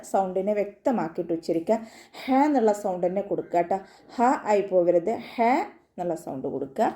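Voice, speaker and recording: A woman's voice: medium pitch, warm tone. A woman teaching Quran recitation in an online lesson, explaining pronunciation patiently, step by step. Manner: patient, step-by-step instruction with frequent tag questions.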